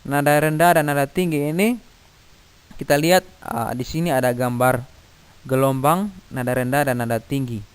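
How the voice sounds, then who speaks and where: A middle-aged man, patiently explaining a physics lesson to children, pausing and singing note names to demonstrate. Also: medium pitch, fairly even intonation, smooth. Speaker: teacher.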